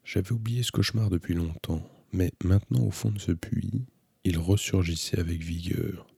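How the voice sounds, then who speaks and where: A man calmly reading a novel aloud as an audiobook narrator, in a measured, introspective way. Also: deep voice, vocal fry, breathy edge, no echo.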